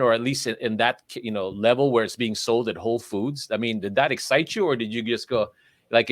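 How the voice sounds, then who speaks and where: A man's voice: mid-range voice, a bit bright, no echo. A man hosting a livestream interview, asking long, rambling questions full of restarts. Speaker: livestream show host. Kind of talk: casual interview conversation. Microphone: livestream call microphone.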